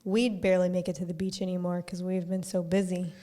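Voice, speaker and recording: A woman co-hosting a podcast in casual chat, frank and chatty, quick to laugh. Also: lowish voice, flat delivery, warm tone. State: pregnant. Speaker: podcast co-host.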